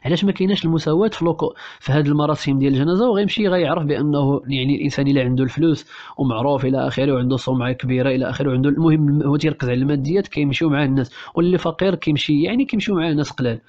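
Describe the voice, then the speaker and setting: A man with a Moroccan Arabic accent teaching a French novel for exam prep, explaining quickly and switching between languages with many restarts. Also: fairly high pitch, a little mellow, lo-fi sound.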